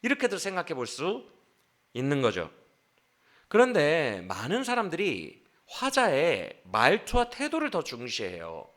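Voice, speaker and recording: A man preaching a sermon as pastor, acting out the quoted speech with sudden changes in loudness. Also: unhurried. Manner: animated, acts out quoted speech with shifts of pitch and loudness. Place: church.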